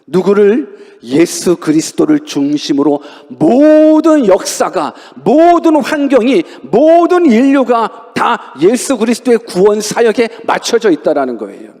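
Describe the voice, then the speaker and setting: A male pastor delivers a sermon in a church sanctuary, acting out quotes and firing rhetorical questions at the congregation. His voice is high and swoops widely. A long hall reverb trails every phrase. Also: a little slow. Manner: animated, acts out quotes, asks rhetorical questions.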